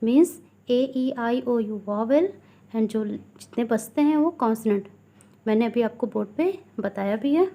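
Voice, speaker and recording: A woman teacher with an Indian English accent, reading English lines slowly and explaining them quickly in Hindi, asking questions as she goes. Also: on the high side, dark tone. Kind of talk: classroom grammar lesson.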